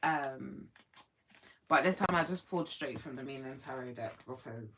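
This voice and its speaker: A woman's voice: rumbling low, normal speed, a bit bright, a little hiss or hum, low-quality recording. A woman in her morning voice, hosting a casual spiritual live stream and talking reflectively to her viewers. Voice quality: sleepy morning voice. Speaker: livestream host.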